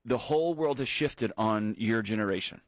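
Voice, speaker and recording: A man from Houston hosting a call-in advice radio show, emphatic and reassuring, slowing down for key points. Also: fairly low pitch, lively intonation, dry recording. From Houston, Texas. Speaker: radio talk show host. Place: radio studio. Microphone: studio microphone.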